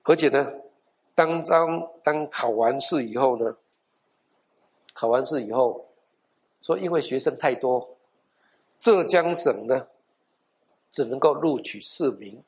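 A man preaching a sermon, telling a life story with lively acted-out quotes. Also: mid-range voice, slow, pauses often. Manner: animated storyteller, acting out quoted voices.

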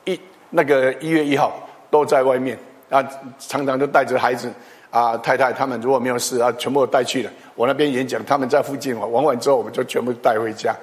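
A middle-aged man, preaching a chatty, animated storytelling sermon. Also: medium pitch, fast talker. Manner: animated, chatty, with tag particles and restarts. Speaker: pastor. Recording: long hall reverb.

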